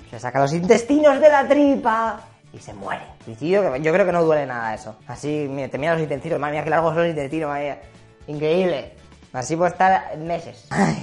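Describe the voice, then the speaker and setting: Low-voiced, playful woman from Spain. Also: a little mellow. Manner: playful, slangy, sprinkles English phrases. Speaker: history vlogger. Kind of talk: comic history storytelling.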